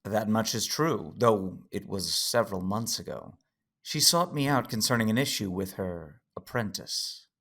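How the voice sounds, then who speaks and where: A man voices a wise, composed alien Jedi for an audio drama, his husky, fairly low voice unhurried and heavily acted. He's wry and guarded, challenging gently in an understated way.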